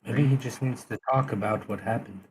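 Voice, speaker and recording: A man's voice: mid-range voice, steady tone, fairly quick, darkish tone, slight background noise, poor audio. A man playing a tabletop game, chatting casually about his moves.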